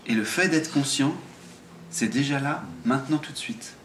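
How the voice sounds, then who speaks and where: A man's voice: medium pitch, normal speed, fairly bright tone, echoey room, a little hiss or hum. A man from France with a French accent, a spiritual teacher giving an earnest satsang talk on awakening, often restarting his words. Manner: earnest explaining with frequent stammered restarts.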